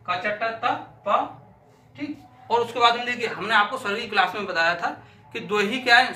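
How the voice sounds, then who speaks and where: A man's voice: high-pitched, bright, forceful tone. A male teacher giving a lesson, repeating syllables aloud to demonstrate them and asking and answering his own questions. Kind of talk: classroom lesson. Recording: echoey room, voice from a distance.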